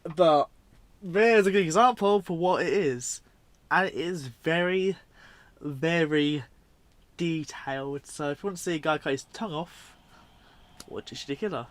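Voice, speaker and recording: A man's voice: a little high, measured pace, long pauses. A man giving casual, unscripted commentary on video clips in a rambling, informal way, often correcting himself. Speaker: video host.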